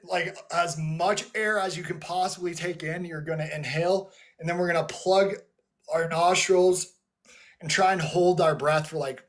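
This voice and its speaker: A man talking loosely to his chat on a livestream through a headset mic, rambling with lots of "like" and restarts while leading breathwork. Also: high-pitched. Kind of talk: casual livestream talk to a chat.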